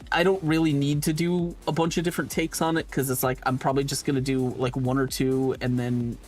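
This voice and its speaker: A male illustrator from New York talks casually on his art stream. He rambles and works his thoughts out as he goes, at an ordinary mid pitch. Faint music plays behind. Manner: rambling, thinking aloud. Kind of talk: casual chat on a live stream.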